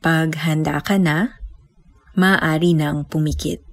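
A woman with a Filipino accent leading a guided meditation as a teacher, speaking in a calm, gentle way with unhurried pauses. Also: deep voice, dry recording.

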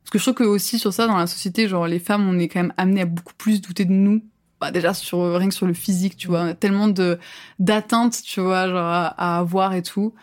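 A woman's voice: on the low side, steady tone, brisk. A woman in her twenties, a podcast guest, talking casually with many fillers and frequent laughs. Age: 20s. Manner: chatty, lots of fillers, laughs often. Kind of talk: casual chat.

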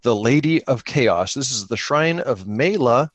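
In a mid-range, expressive voice at a measured pace, a man runs and plays an improvised solo-engine tabletop RPG. He muses aloud casually, posing questions and then answering them himself, with no room sound in the recording.

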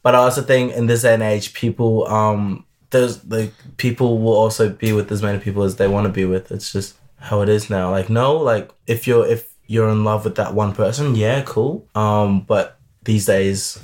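A man's voice: fairly low pitch, fairly even intonation, moderate pace, a little mellow. A young man in a casual chat, answering hesitantly and restarting his sentences. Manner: hesitant, full of likes and restarts.

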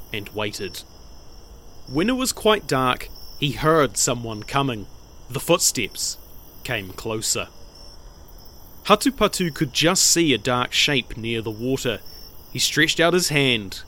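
A man telling an old legend in measured, expressive storybook narration. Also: mid-range voice, slight background noise.

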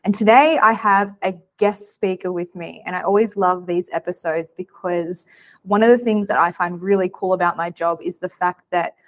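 A woman's voice: lowish voice, steady tone, normal speed. Chatty woman podcast host. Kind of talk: casual interview.

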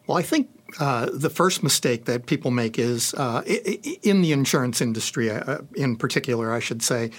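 A man's voice: mid-range voice, lively intonation, normal speed, hardly any pauses. A man speaking as a panelist in a discussion, hesitant, with many fillers and restarts. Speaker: panelist on insurance analytics.

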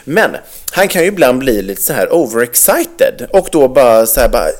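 A man in casual podcast chat, his voice rising and falling in wide, lively swings as he works himself up. He speaks at a middle pitch for a man, with blunt, heated storytelling full of swearing. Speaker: podcast co-host.

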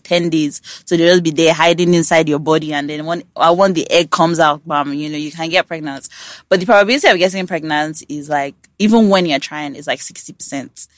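A woman's voice: deep voice, no room sound. A woman hosting a casual podcast, talking frankly and bluntly and swearing freely. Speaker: podcast host.

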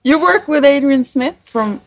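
Slow, encouraging interviewer. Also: high voice, animated. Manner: brief, encouraging prompts and laughter. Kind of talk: casual interview chat.

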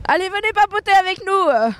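A woman's voice: very high voice, expressive, brisk, a bit bright, dry recording. A young woman in her twenties, a chef and podcast guest, chatting outdoors in the rain with playful, teasing banter. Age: 20s. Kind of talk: casual joking chat. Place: outdoors in the rain under umbrellas. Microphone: headset mic.

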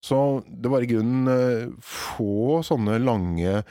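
A man, a theatre director reflecting on his work in an interview, animated and full of hesitations. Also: medium pitch, no echo, clean studio sound. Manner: animated, hesitant with many fillers.

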